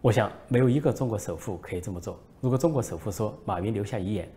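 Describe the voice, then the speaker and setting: A man delivering a political commentary monologue, emphatic and storytelling. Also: fast. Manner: emphatic, lively pitch, storytelling.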